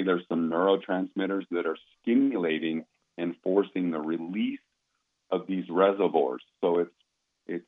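A man in his fifties, a company founder, explaining his products in a casual, easygoing interview with frequent restarts. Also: sits low. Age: 50s. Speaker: company founder talking about supplements. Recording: tinny phone-like line.

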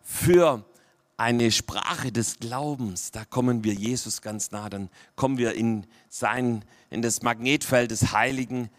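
Taking his time at a medium pitch, a Swabian pastor preaches to his flock, punctuating the sermon with "ja?" and easing down to a near-whisper when he wants to emphasize something.

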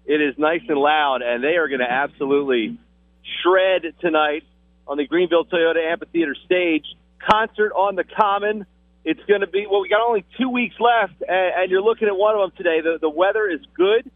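A radio morning show host phoning in from an outdoor concert, chatting in an upbeat, joking way over a phone line that cuts out. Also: male voice, sits high, fairly even intonation, a little fast, no room sound. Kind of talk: casual on-air chat. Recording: dry, tinny phone line.

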